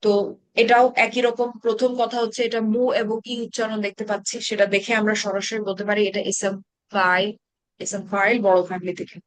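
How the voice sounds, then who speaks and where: Her delivery is flat and fairly quick, her pitch medium, and the recording dry. With a Bangladeshi Bengali accent, she teaches Arabic grammar, explaining things patiently and questioning her students.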